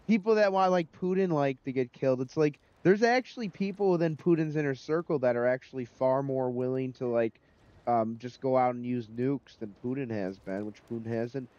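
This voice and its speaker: A man's voice: mid-range voice, moderate pace, darkish tone, dry recording. A man rambling opinionatedly while casually commenting on a game he is playing. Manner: rambling, opinionated, many fillers. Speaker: gaming commentator. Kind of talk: casual let's-play chat. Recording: dull lo-fi voice recording.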